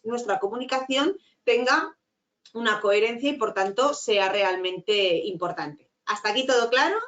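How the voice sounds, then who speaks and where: A middle-aged woman teacher giving an online lecture, talking fast and tagging her points with quick checks. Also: a little high, fairly bright tone. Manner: fast-talking with frequent "¿vale?" tags.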